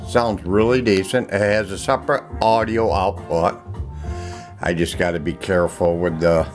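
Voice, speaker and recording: Off screen behind a handheld camera in a room of his home, a man selling online shows off an item, speaking plainly and haltingly without a script. His voice is low with fairly even intonation, and music plays from audio equipment nearby.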